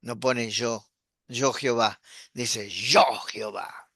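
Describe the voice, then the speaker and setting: A man, a pastor teaching an online class, explaining patiently and repeating words slowly. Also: mid-range voice, fairly even intonation, bright, forceful tone, no echo, clean studio sound.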